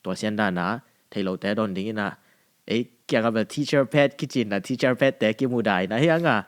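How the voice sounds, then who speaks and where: A man's voice: medium pitch, expressive, moderate pace. A man hosting a podcast interview in casual chat, mixing English phrases in as he gives advice. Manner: mixes English into talk, gives advice eagerly. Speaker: podcast host.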